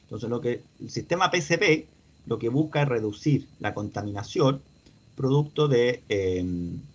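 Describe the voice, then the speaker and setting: A man gives an online class, explaining patiently and often checking in with his students. His voice is somewhat husky and mid-pitched. The sound is dull and lo-fi, as if picked up by a computer microphone. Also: animated, unhurried. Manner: explanatory, asks questions to students. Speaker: instructor. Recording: dull lo-fi audio.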